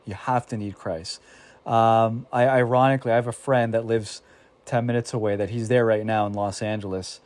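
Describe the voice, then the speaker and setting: A man leads a casual Bible discussion in an animated way. He stumbles and restarts often and slips into voices when he quotes others. The sound is dry and close. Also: medium pitch, no echo. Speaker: Bible study teacher.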